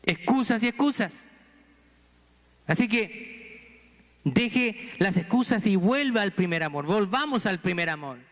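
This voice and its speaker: Preaching earnestly in a church sanctuary, a Chilean pastor with a Chilean Spanish accent presses the congregation with rhetorical questions. His high-pitched, fairly bright voice has lively intonation, and he speaks a little slowly with frequent pauses. A long reverb tail follows his words.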